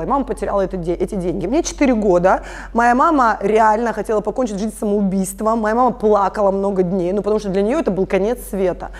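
With a medium-pitched, darkish voice, a family constellations facilitator in her thirties earnestly describes what she does. The setting is a conversational interview, and she explains things while speaking straight to the listeners.

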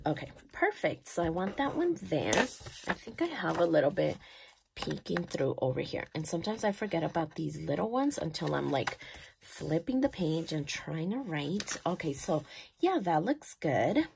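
A woman in her thirties chatting casually as she decorates her planner, gushing and thinking aloud, sometimes dropping soft. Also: deep voice, sing-song, normal speed, vocal fry, noisy background. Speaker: planner vlogger.

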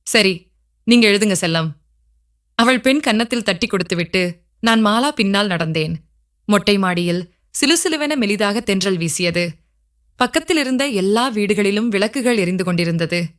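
A woman's voice: medium pitch, animated, normal speed, fairly bright tone. Woman narrating a story.

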